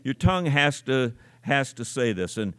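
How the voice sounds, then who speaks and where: Older man, preacher, folksy storytelling sermon, very lively pitch, dry close sound. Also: normal speed, clear, resonant tone, dry recording. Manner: folksy, storytelling, repeats words for emphasis. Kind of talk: conversational sermon.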